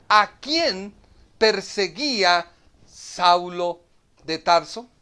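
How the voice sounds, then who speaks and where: A man's voice: high-pitched, fairly bright tone. A man teaching a Bible study in a preaching style. He speaks emphatically, repeats phrases and asks rhetorical questions.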